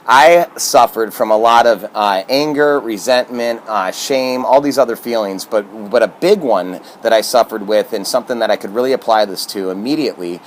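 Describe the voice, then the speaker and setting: A man's voice: lowish voice, normal speed, hardly any pauses, slight background noise. A man from Michigan giving casual motivational talk to camera as a self-help vlogger, upbeat and earnest, with plenty of fillers.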